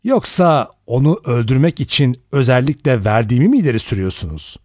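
A man's voice: medium pitch, sing-song, a little fast, a little mellow, no room sound, studio quality, close to an everyday voice. A man reading an audiobook and voicing a stiff, defensive male doctor who speaks in a cold, clipped, cutting way. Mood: cold, offended.

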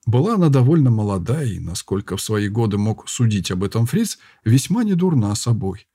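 Husky, expressive male storyteller. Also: fairly low pitch, fairly quick, dry recording. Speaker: audiobook narrator. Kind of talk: scripted narration.

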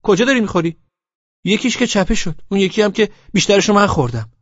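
A man's voice: high voice, lively intonation, dry recording, lo-fi sound, pitched above the performer's own voice. A man voicing a blunt, nagging young woman who scolds and fires off questions.

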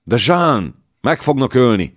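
A man voicing a frightened, loyal male squire who pleads in urgent shouts. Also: sits low, sing-song, no room sound, clean studio sound. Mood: pleading.

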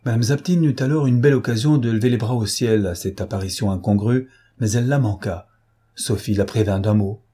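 Mellow low-voiced male narrator. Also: breathy edge. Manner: measured, even storytelling. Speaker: audiobook narrator. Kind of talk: scripted literary narration.

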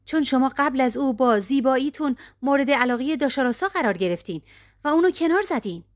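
A woman's voice: lively intonation, no echo, clean studio sound. A woman voicing a wicked scheming maidservant who urges her queen on in a raised, insistent voice. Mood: urgent scheming. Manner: urgent, insistent, raised pitch. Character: scheming spiteful maidservant woman, whispering poison.

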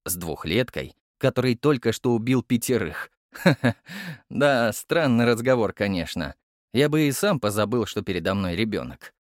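This audiobook narration is scripted, delivered by a man in a mid-range voice at a moderate pace with lively storytelling expression. The recording is dry and studio quality.

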